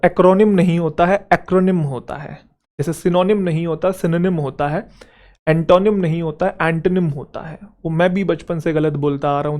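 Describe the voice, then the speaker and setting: A man teaching English grammar for exam preparation, explaining step by step and checking in with quick rhetorical questions. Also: fairly high pitch, darkish tone. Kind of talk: Hindi exam-prep lecture.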